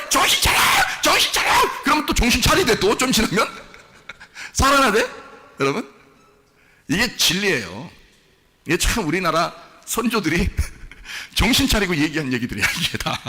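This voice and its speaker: Male pastor, bright tense voice, animated sermon delivery, reverberant church hall. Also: sits high. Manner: animated, asks the congregation questions, mixes casual and polite speech. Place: church sanctuary.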